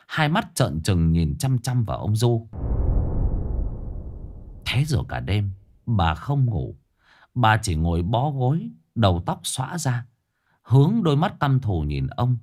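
A man narrating a scripted ghost story in a dramatic, expressive storytelling manner. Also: fairly low pitch.

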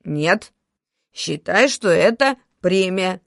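A woman reading an audiobook voices a blustering, jokey middle-aged male boss who talks gruffly with slow, bossy emphasis. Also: lowish voice, lively intonation, no room sound, studio quality, exaggerated voice. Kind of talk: audiobook character voice.

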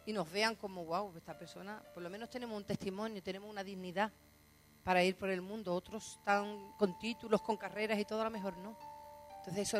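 A woman with a Spanish accent preaching a sermon, telling stories with frequent laughs and acting out quoted lines. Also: mid-range voice. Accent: Spain. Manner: storytelling, laughs often and acts out quoted lines.

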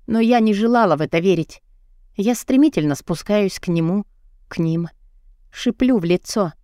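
A woman's voice: mid-range voice, warm tone, dry recording, clean studio sound. A woman narrating a novel in the first person, reading dramatically and with strong emotion. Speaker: audiobook narrator.

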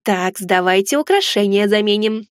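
A woman voicing a fussy, chatty female fairy house spirit in a storybook reading, talking in an excitable, theatrical way. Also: medium pitch, normal speed, dry recording, clean studio sound, close to an everyday voice. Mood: chirpy.

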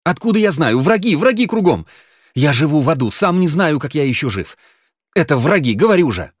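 A man reading an audiobook, voicing a frantic young man who swears he is innocent, his voice high and loud with fear. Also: sing-song, normal speed, no echo, clean studio sound. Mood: panicked. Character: panicky young man, accused, pleading.

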